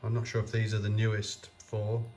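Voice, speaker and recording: Brisk and completely flat, a man with a low, slightly mellow voice comments casually off camera while restoring an old computer, with slight background noise. He thinks aloud hesitantly, using many fillers.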